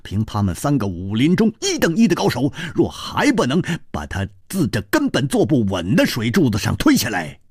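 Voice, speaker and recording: A man telling a martial-arts novel as a storyteller, dramatic and animated, close to the mic. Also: mid-range voice, moderate pace, few pauses, husky, dry recording.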